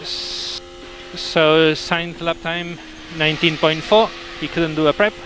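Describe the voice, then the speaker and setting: Calm race engineer over team radio. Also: male voice, a little high, slow pace, background noise. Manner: calm, terse, informational.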